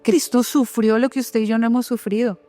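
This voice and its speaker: A woman's voice: on the high side, fairly even intonation, a little fast, warm tone, soft background music. Earnest woman preaching a sermon. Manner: earnest personal testimony with rhetorical questions to the audience.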